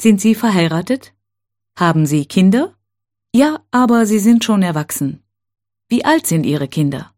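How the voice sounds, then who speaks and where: A woman teaching a language, reading set phrases one at a time in a slow, careful, clearly spaced way. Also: medium pitch, lively intonation, a little mellow.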